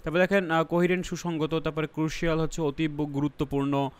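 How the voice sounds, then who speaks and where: A Bangladeshi-accented IELTS teacher speaks quickly and flatly in a fairly high, clean-toned voice during an online exam-prep lesson. Explaining step by step, he mixes in English terms and checks often that students understand.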